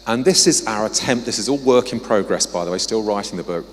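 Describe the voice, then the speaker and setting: A man's voice: on the low side, expressive, quick pace. A man with an English accent giving a conversational conference talk with slides as a guest researcher, dropping in apologetic asides. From England. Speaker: guest speaker, social mobility researcher. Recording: long reverb of a hall.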